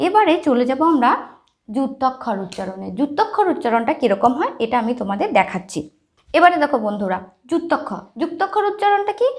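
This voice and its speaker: Giving a writing and pronunciation lesson, a high-pitched woman with a gravelly voice walks through each step. She checks often that the listener is following.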